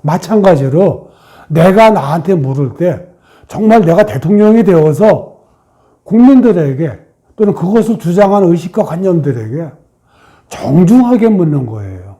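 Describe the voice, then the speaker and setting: Mellow-voiced man teaching meditation. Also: sits high, sing-song, normal speed. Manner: asks questions and answers them himself. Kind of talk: meditation lecture.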